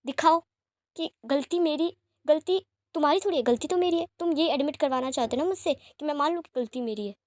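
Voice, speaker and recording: A woman voicing a touchy, quick-tempered young man in a storybook romance, sulky and sharp when upset. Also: high voice, no echo, studio quality, close to an everyday voice. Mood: sulking. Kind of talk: storybook read-aloud.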